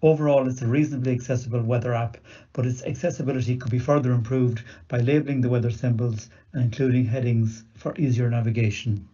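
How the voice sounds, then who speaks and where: A video demonstrator delivers scripted instructional narration in a methodical, matter-of-fact way. His voice is medium-pitched, steady, fast, and dark-toned, and the recorded video audio sounds dull and lo-fi.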